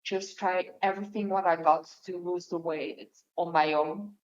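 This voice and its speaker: Guesting on a podcast, a young woman from the Netherlands talks openly and hesitantly about her life, using many fillers. She speaks at a moderate pace in a steady voice on the low side, and the recording has a dull, lo-fi quality.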